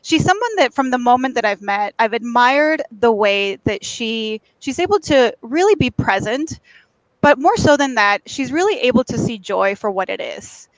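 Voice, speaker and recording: A woman from Mexico hosts a conversational livestream as a life coach. Her voice sits a little high, and the sound is very dry, with almost no room to it. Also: dry recording, low-quality recording. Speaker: host, life and career coach. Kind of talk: conversational livestream monologue and interview. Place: at a beach.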